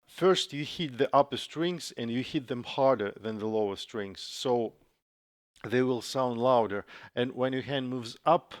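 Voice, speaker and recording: A man explaining music software step by step in a tutorial, with frequent pauses and fillers. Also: medium pitch, dry recording, studio quality. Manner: slow, methodical explaining with frequent uhs. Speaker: software developer demonstrating a plugin. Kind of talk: screen-recorded tutorial. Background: guitar samples playing from the software.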